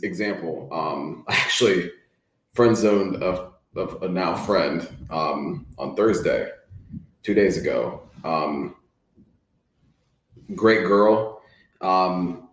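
A man appearing as a podcast guest, speaking in a measured, thoughtful way with frequent fillers. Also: low-pitched. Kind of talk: casual chat. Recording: roomy echo.

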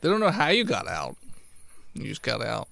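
A man's voice: medium pitch, wildly swooping pitch, moderate pace, vocal fry, bright, forceful tone, no echo. A man acting as game master, narrating a tabletop game in a casual, improvised way.

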